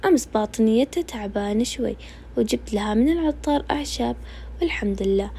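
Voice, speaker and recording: A woman voicing a gentle, peacemaking Najdi mother. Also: on the high side, lively intonation, fast, creaky, slightly rough, exaggerated voice. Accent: Najdi Saudi.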